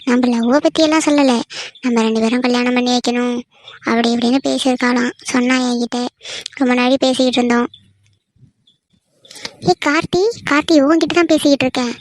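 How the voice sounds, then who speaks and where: A woman's voice: high voice, natural voice. A woman voicing an earnest young village woman in love, questioning and pleading insistently in a cartoon. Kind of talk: cartoon voice acting.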